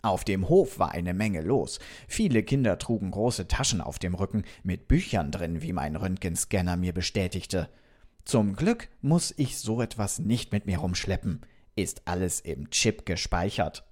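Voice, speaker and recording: A man playing a lively curious robot. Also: deep voice, measured pace. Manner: lively, talks directly to the kids with questions. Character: friendly male robot visitor from another planet, curious. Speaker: storyteller addressing children. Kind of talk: children's story narration.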